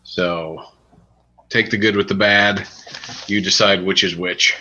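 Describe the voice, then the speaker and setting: Man, low voice, bright forceful tone, dry jokes, dull lo-fi podcast recording. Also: fairly even intonation, slow, a little hiss or hum. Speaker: podcast co-host. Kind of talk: casual podcast chat and game review.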